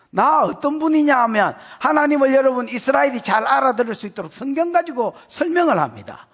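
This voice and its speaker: Male pastor, Gyeongsang accent, very high voice with swooping pitch, playful and animated sermon delivery at a church service. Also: husky. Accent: Gyeongsang Korean. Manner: animated, folksy, teasing, acts out scenes. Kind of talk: expository sermon.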